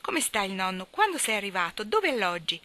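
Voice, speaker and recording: A woman reading aloud and voicing a lively, eager young woman who speaks in bright, excited exclamations. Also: medium pitch, a little fast.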